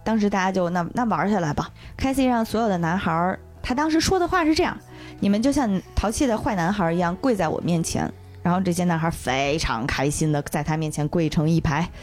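A woman hosting a chatty podcast, walking listeners through a film's story. Her voice rises and falls in a lively, expressive way, and she slips into the characters' lines as she tells it. Faint music sits underneath her voice. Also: on the low side. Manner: animated storytelling, briefly acting out characters' lines. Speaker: podcast host. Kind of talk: casual chat, retelling a film plot.

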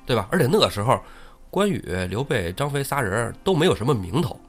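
A man tells an old tale in a chatty podcast style, checking in with his co-host as he goes. His delivery is fast and his pitch swings widely. Faint music plays underneath. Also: breathy edge. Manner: animated, chatty, asks listener for agreement. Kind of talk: casual storytelling.

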